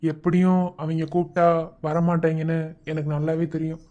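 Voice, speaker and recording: A man's voice: fairly high pitch, a little fast, highs cut off, natural voice. An actor playing a kind young village man, speaking reassuringly in Madurai Tamil in a cartoon. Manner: reassuring, steady. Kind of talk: cartoon voice acting.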